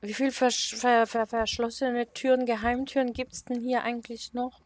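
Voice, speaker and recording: High-voiced jittery woman gaming. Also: level tone, normal speed, no echo. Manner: nervous, talks to herself, frequent frightened exclamations. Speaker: let's play gamer. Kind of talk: casual horror game commentary.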